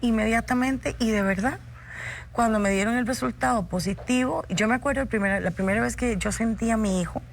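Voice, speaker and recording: A woman, a theater actress telling personal stories as an interview guest, animated and acting out dialogue. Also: a little high, a little fast, vocal fry, slight background noise. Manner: animated storyteller, acts out dialogue, frequent "¿verdad?".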